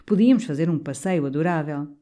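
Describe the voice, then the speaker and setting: This is a persuasive young suitor, read by a woman in her own low voice. He coaxes and insists in a warm, mellow tone. There is little change from the narration. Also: fast talker, natural voice. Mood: coaxing.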